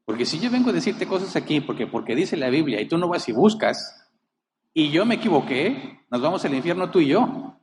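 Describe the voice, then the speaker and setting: A man's voice: on the high side, big pitch swings, fairly quick, a little mellow, long reverb tail, a little hiss or hum. A man preaching a sermon as a pastor, emphatic, rising and falling, asking rhetorical questions. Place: church.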